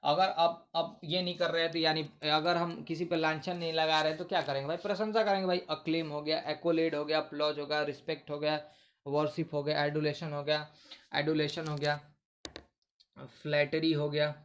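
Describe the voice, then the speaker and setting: A man's voice: fairly high pitch, flat delivery, a little fast, a bit bright. Male tutor, casual lesson, asks and answers his own questions. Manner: repetitive, asks questions then answers them. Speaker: vocabulary teacher. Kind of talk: casual Hindi vocabulary lesson.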